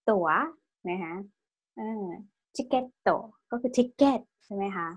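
A woman's voice: mid-range voice, normal speed, darkish tone, slightly rough. A woman teaching a language class, patiently asking her students questions and drilling their pronunciation. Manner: tag-questions every phrase with polite particles. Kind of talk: online language lesson.

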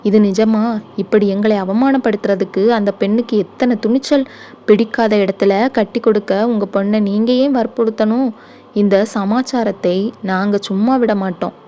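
Audiobook: woman reading as a hot-tempered elder brother, gruff and commanding, mellow low tone. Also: fairly even intonation, moderate pace, a little hiss or hum, natural voice. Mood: angry. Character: stern proud older brother, quick-tempered.

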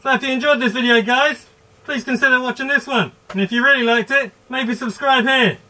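A man's voice: very high voice, steady tone, brisk, pushed and bright. A man reviewing gear in a chatty way, his voice muffled through the gas mask he is wearing. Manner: plain, chatty demonstrating. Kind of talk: casual product review.

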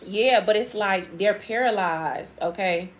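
A woman's voice: medium pitch, unhurried, a little hiss or hum. A woman giving a casual tarot reading to her viewers, chatty and emphatic, repeating phrases and laughing often. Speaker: tarot reader.

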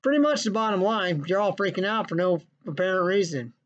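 A man's voice: high voice, animated, fairly quick. A man ranting in a sarcastic, scolding, profane vlog monologue from his basement. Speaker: vlogger. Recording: dull lo-fi recording.

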